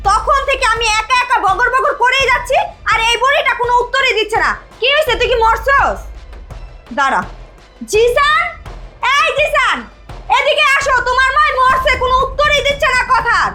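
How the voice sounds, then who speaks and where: A woman's voice: very high voice, big pitch swings, fairly quick, loud music behind the voice. A woman playing a bossy young wife who nags and scolds her silent mother-in-law, speaking with a Bangladeshi Bengali accent in an amateur short drama. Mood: scolding. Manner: scolding, nagging, shouting.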